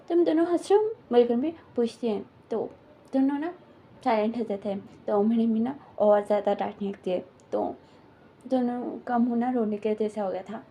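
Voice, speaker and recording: A woman's voice: fairly high pitch, lo-fi sound, a little hiss or hum. A woman casually retelling a fan story in a rambling, filler-heavy way, slipping into quoted lines.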